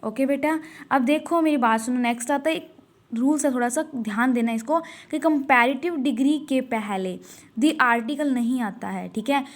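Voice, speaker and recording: A woman teacher explaining English grammar to students, asking and answering her own questions over and over, and slowly drawing out example sentences. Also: sits high. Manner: repetitive question-and-answer drilling, calls students 'beta'; slow, drawn-out reading of example sentences. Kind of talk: classroom grammar lesson.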